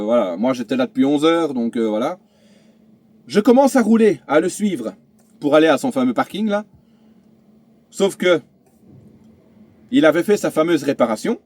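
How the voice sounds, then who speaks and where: A man's voice: medium pitch, a little mellow, dry recording. A man vlogging from his truck cab, chatting through a road story with many fillers and restarts. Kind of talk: casual vlog storytelling.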